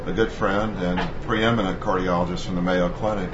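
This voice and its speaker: A man hosting a conversational interview, friendly and unhurried, with some fillers. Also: sits low, fairly even intonation. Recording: dull, echoey, noisy conference recording.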